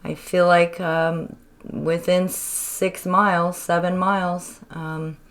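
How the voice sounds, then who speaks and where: A woman hosting a spirit box session in a casual, halting and deliberate way, explaining things and putting questions to spirits. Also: on the low side, flat delivery. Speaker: spirit box session host, self-described medium. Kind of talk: casual narrated demonstration and addressing spirits.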